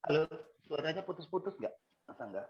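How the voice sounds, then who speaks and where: A man's voice: on the high side, big pitch swings, fast, muffled recording. A man speaking as a guest aesthetic doctor in an online seminar, his video call audio choppy and breaking up.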